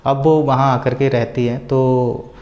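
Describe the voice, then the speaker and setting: A man's voice: medium pitch, flat delivery, takes it slowly, darkish tone. Man rambling through a spoken story. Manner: rambling retelling full of "so" fillers and hesitations.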